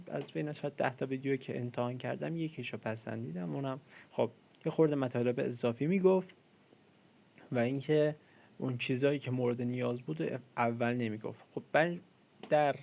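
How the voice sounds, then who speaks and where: A man's voice: mid-range voice, vocal fry, a little mellow. A man in his twenties giving a casual coding lesson, chatty and self-deprecating, with lots of fillers. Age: 20s. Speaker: programming tutor.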